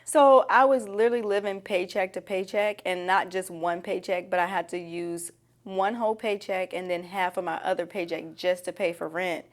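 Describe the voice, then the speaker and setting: A woman's voice: on the low side, fairly even intonation, normal speed. A woman giving candid, conversational answers as an interviewee. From Nashville, Tennessee.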